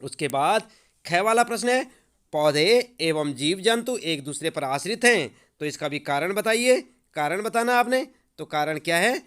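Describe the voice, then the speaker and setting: This teacher's voice is high-pitched, smooth and fairly bright, animated yet measured as he dictates homework answers for schoolchildren to copy. He addresses them as children and frequently checks in with a repeated "ठीक है," meaning "okay."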